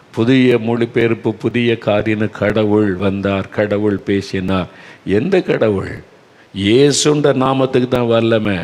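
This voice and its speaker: A man's voice: medium pitch, darkish tone. An older man preaching a devotional sermon with a Tamil accent, earnest and exhorting. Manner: earnest, exhorting, often quoting callers in a raised voice. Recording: long hall reverb.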